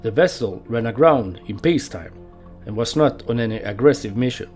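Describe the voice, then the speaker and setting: A male documentary narrator with a voice of middle pitch who tells history anecdotes and chuckles at them. Soft music plays under his voice. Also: lively intonation, brisk. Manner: amused storyteller who laughs at the anecdotes.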